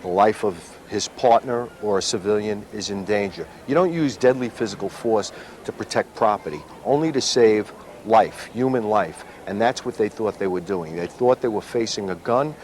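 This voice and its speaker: A man's voice: fairly low pitch, moderate pace, darkish tone. A middle-aged man, a retired detective, giving firm, emphatic commentary in an interview. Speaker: guest, retired detective lieutenant. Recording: faint background noise.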